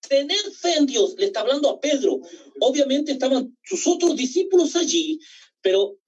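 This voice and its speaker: Woman preacher, sermon delivery, husky voice with lively swings in pitch; distant, dull lo-fi church recording. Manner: reads and quotes Scripture with dramatic slowed emphasis. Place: church hall.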